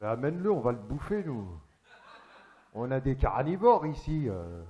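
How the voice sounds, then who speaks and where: A man's voice: mid-range voice, sing-song, moderate pace, mellow. A man doing a stand-up comedy monologue on a theatre stage, chatty and crude, teasing the audience.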